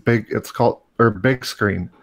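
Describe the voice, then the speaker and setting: Sick, joking man with a lowish voice. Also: measured pace. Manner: joking, crude humor. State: has the flu. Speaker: podcast co-host. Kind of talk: casual gaming chat.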